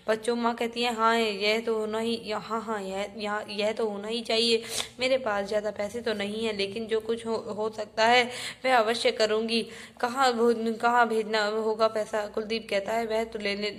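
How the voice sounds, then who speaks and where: A woman teacher reading a textbook play aloud to her students, often stopping to repeat and restart words. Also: a little high.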